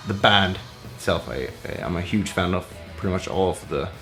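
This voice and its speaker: A man, a musician, answering viewer questions in a relaxed, rambling way full of fillers. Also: deep voice, normal speed, vocal fry, soft background music. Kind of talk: casual Q&A vlog.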